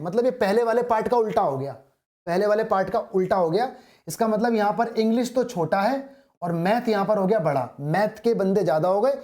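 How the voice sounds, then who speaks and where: A woman's voice: mid-range voice, mellow. A woman teaching a maths lesson, asking questions and answering them herself and repeating the key points. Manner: repeats key points, reads English text slowly. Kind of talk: classroom maths lesson in Hindi.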